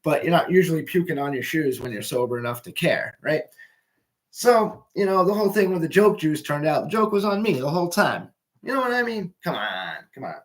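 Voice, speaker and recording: A man's voice: on the high side, expressive, a little fast. A young man doing a casual, rambling stand-up monologue at home, loose and swearing, often trailing off mid-sentence. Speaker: amateur comedian.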